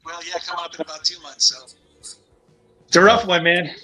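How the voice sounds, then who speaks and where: Guy around fifty, pretty high voice, friendly, jokes and laughs a lot. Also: music in the background, poor audio. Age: 50s. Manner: friendly, joking, quick to laugh. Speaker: stream guest.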